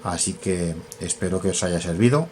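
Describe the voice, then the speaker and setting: A man's voice: deep voice, normal speed, a little mellow, slight background noise. A man demonstrating radio test equipment in a workshop, talking casually and thinking aloud, often correcting himself with fillers. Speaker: radio equipment tutorial host.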